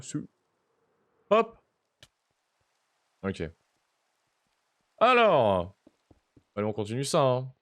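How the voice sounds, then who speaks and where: French guy streaming minecraft, swoopy lively voice, slow easy pace, jokey. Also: mid-range voice. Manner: switches between French and heavily accented English, playful. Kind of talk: casual gaming stream chat.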